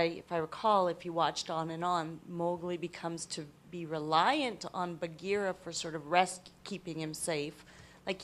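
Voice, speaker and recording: A woman's voice: fairly low pitch, slight background noise. A woman from a workshop audience, asking a tentative question. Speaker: workshop participant.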